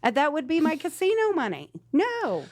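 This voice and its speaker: A woman's voice: high-pitched, huge pitch swings, normal speed, a little mellow, no echo, clean studio sound. A woman giving casual answers as a guest on a personal finance show. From West Texas resident.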